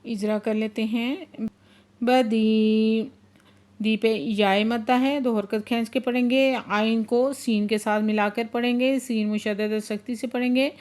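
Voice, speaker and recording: A woman teaching Quran recitation, chanting verses slowly and drawn out, then explaining the rules briskly. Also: on the high side, fairly even intonation, a little mellow. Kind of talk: tajweed lesson, slow chanted recitation then quick explanation.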